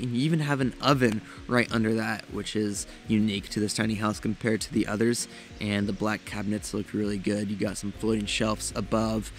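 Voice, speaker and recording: A young man hosting a tiny house tour, narrating with enthusiasm and talking straight to viewers. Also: fairly low pitch. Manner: enthusiastic, addresses viewers directly. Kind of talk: upbeat walkthrough narration.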